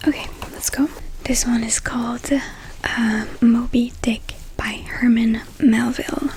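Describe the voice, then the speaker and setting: A woman in a whispered ASMR role-play as a librarian, whispering softly and a little hesitantly as if to a visitor in a library. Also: fairly high pitch, flat delivery, measured pace, slight background noise, poor audio. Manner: soft whispering, hesitant, gently attentive to an imagined visitor.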